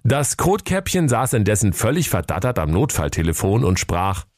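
A man's voice: lowish voice, sing-song, moderate pace, no echo, studio quality. A man with a Schleswig-Holstein accent, narrating a comic fairy tale in a playful storybook tone.

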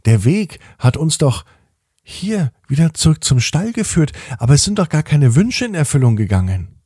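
A man voicing a curious, eager young girl in a storybook, asking excited questions. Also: a little high, normal speed, husky, no room sound, studio quality, voice pushed up. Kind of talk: storybook narration.

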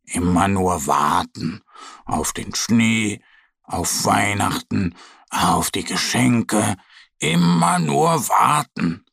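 A man's voice: on the low side, very animated, slow pace, creaky, hardly any pauses, fairly bright tone, husky, no echo, clean studio sound, exaggerated voice. A man voicing a small, impatient young male bear in a children's story, grumbling and curious.

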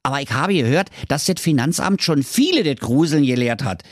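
A man's voice: on the high side, lively intonation, a little fast, dry recording, studio quality, pitched above the performer's own voice. A man voicing a cheerful, fearless young man with a Berlin dialect who talks in a cheeky, carefree way.

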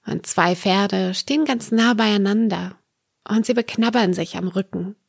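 Slow, gently guiding woman in meditation. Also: mid-range voice, vocal fry, breathy edge, no room sound, studio quality. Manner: slow, soothing, gentle phrasing in short pieces with pauses. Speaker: guided meditation narrator. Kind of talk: guided meditation, a calm narrated dream journey.

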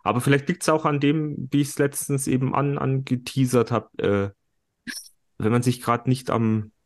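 Guy co-hosting a podcast, normal mid voice, dry teasing jokes, relaxed back and forth. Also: medium pitch. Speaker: podcast co-host. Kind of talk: casual chat.

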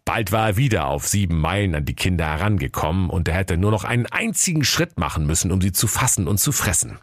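A man's voice: sits low, expressive, quick pace, dry recording, clean studio sound. A man narrating a comic fairy tale in a playful storyteller's voice, addressing children.

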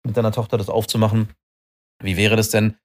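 A man's voice: on the low side, flat delivery, brisk. A man, a father, explaining his view earnestly in a casual podcast chat.

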